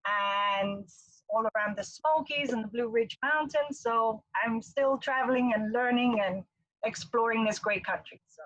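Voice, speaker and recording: Woman, cruise executive, chatty storyteller on a video call, highish voice, dry close sound. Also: a little slow, fairly bright tone, no room sound, low-quality recording. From England. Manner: chatty, storytelling, laughs often. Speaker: cruise line vice president. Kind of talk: casual video call presentation.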